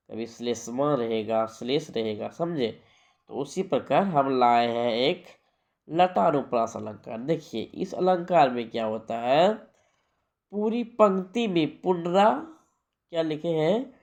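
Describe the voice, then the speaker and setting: A man's voice: medium pitch, a little mellow. A man teaching a grammar lesson for an exam, repeating key points and asking rhetorical questions.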